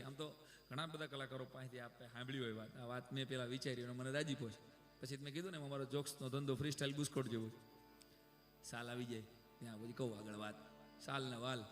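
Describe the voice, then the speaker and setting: A man's voice: medium pitch, fairly bright tone. A man, telling a comic village story on stage and talking to the audience. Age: 30s. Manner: chatty, talks to the audience. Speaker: stage comedian. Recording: echoey live stage.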